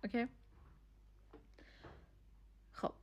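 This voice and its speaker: A woman's voice: a little mellow, highs cut off. A woman, teaching German in a casual lesson and explaining each phrase step by step. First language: Persian. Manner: explains step by step, checks in with "okay?".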